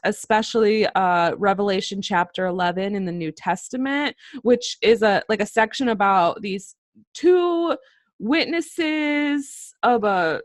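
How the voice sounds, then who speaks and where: Slow, hesitant young woman storyteller. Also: mid-range voice, dry recording, studio quality. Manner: hesitant, many ums and restarts. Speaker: podcast co-host. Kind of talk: casual podcast chat, storytelling.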